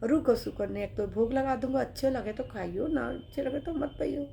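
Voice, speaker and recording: A woman voicing an elderly male devotee, complaining loudly in a hurt, stubborn way. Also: sits high, moderate pace, vocal fry, a little hiss or hum. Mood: aggrieved. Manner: loud, aggrieved, complaining.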